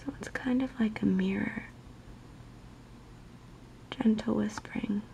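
A young woman speaks in a soft ASMR whisper, gently chatting to her viewers. Her voice is mellow and slightly gravelly, with a slow, soothing murmur that stays unhurried throughout. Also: mid-range voice, slight background noise, poor audio. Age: young adult. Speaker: ASMR video maker.

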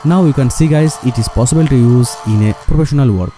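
A man talks fast in a dark, medium-pitched voice over soft background music. English is not his first language; he's an electronics hobbyist narrating a scripted DIY tutorial, speaking directly to viewers as "guys" with non-native phrasing.

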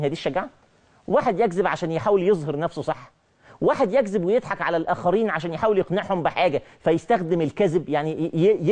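A middle-aged man, his voice a little high and his accent Egyptian Arabic, gives an animated religious lecture on TV, repeating his main phrases for emphasis.

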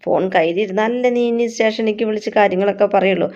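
A woman's voice: medium pitch, rapid-fire, a little mellow, muffled recording, lightly acted. A woman reading the lines of a harsh, bossy mother who scolds her daughter. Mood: scolding.

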